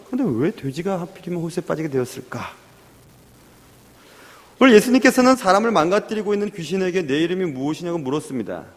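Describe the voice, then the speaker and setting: Pastor guy preaching, voice leaps up and down a lot, big church reverb. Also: high voice. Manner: animated preaching, acts out quoted voices. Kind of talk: sermon. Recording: long hall reverb.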